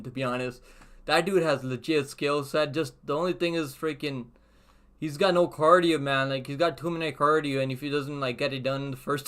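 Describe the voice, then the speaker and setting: A man's voice: medium pitch, sharp tone, clean tone. A man hosting a casual sports livestream, talking in gym-bro slang with constant "bro" and easy swearing. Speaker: livestream host. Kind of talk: casual livestream chat and fight preview.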